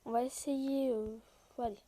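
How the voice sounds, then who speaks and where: High, mellow-voiced woman explaining a game. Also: steady tone, measured pace. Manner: explains step by step straight to viewers. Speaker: gaming video host. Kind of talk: casual gameplay walkthrough.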